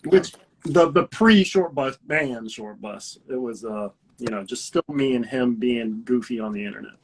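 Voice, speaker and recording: A man's voice: mid-range voice, moderate pace, husky, rough recording. A young man, a guitarist and vocalist, chatting casually in an interview, telling rambling stories with laughs and crude language.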